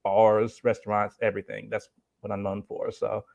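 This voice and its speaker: A man with a lowish voice talks as a guest on a casual travel chat. He explains his tips informally, in a loose conversational way. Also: completely flat delivery, moderate pace, vocal fry, a little mellow, muffled recording. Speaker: guest, solo cruise traveler.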